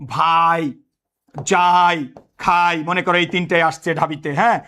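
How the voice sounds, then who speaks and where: Animated high-voiced male teacher. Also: a little fast. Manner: animated, quizzing students and answering himself. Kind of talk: admission test lesson.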